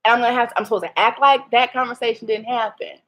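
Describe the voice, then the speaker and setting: A woman's voice: a little high, steady tone, fast, a bit bright. Hurt, candid woman. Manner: candid and hurt, with rueful laughs and repeated restarts. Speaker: vlogger. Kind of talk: emotional personal vlog.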